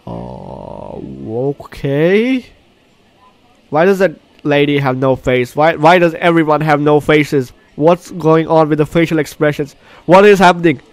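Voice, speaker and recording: A man hosts a game walkthrough, reading the on-screen story aloud and reacting with exclamations as game music plays behind his commentary. His voice is on the high side and very animated, yet his pace is measured, with no echo.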